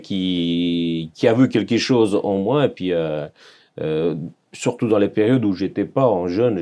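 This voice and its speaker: A Serbian man in his forties, with a deep voice and dark tone, tells his life story as a guest on a podcast interview. He speaks earnest French with a Serbian accent, searching for words and repeating phrases.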